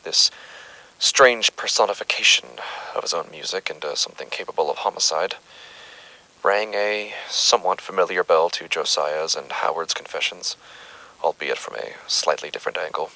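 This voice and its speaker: Man playing a low-voiced, uneasy clinical doctor. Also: normal speed, gravelly, bright, forceful tone, heavily acted, rough recording. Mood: clinical, grave. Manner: formal, clinical, hesitant. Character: uneasy, methodical male doctor recording case findings. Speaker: narrator of case records. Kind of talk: scripted horror audio drama monologue.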